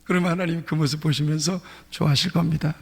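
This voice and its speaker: A man's voice: fairly high pitch, fairly even intonation, fast, vocal fry, husky. A male pastor preaching a sermon in a church sanctuary, emphatic, often repeating his key phrases. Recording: reverberant church hall.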